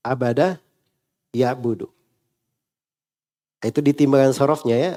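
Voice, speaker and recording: A man teaches Arabic grammar to a class. His voice is warm and mellow. He keeps asking questions and drilling the word endings. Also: mid-range voice, measured pace. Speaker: Islamic teacher.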